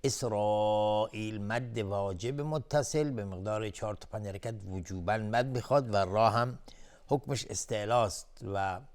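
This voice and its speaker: Man, tajweed teacher, television recitation lesson, resonant voice, slightly low pitch. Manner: slow melodic chanted recitation alternating with explanatory talk. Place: television studio.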